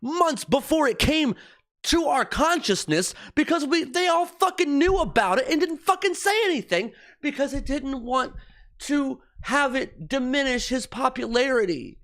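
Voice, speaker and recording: A man's voice: extremely high pitch, expressive, normal speed, fairly bright tone. A man hosting a livestream, venting in a heated, profane rant with repeated emphasis. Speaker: livestream host. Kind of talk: angry political rant.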